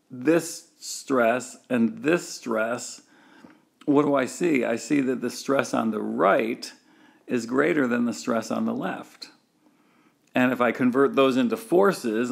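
A man with a creaky, medium-pitched voice delivers a recorded engineering lecture. He walks through a diagram step by step, often using fillers and restarting his sentences.

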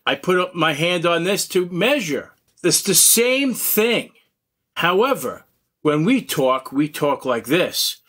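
A man's voice: a little high, fairly bright tone. Blunt man demoing radio gear. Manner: blunt, emphatic, salty. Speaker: radio hobby video host. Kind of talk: casual demo talk.

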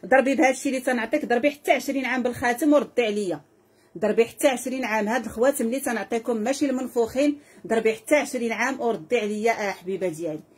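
Husky fast-talking Moroccan saleswoman. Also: fairly high pitch, darkish tone. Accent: Moroccan Arabic. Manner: effusive, repetitive, calls out prices and blessings to viewers. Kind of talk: live sales pitch.

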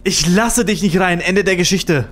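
A man's voice: high voice, moderate pace, music in the background, close to an everyday voice. A man voicing a frightened young protagonist who refuses to let a stranger in. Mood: defiant.

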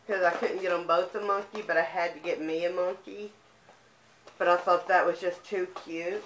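A young vlogger with a lowish, fairly bright voice, a lisp and a speech impediment chats casually while showing off items from a shopping haul. Her show-and-tell is easygoing and unhurried, recorded in an echoey room with slight background noise.

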